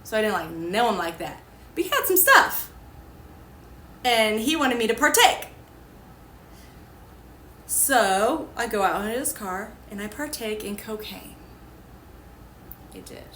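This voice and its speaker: A woman's voice: mid-range voice, sing-song, slow, long pauses, pushed and bright, slight background noise. A young woman, a ministry host, telling her personal testimony in a chatty, candid way, laughing at her past. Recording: echoey room with faint ambience.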